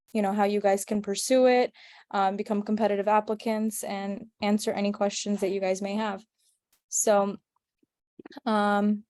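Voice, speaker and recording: A young woman in her twenties gives a webinar talk over a video call. Her voice stays flat and level, at a middle pitch. She speaks politely and fills many pauses with "um", and the sound is dry. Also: smooth, dry recording. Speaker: medical student presenter. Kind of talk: webinar presentation.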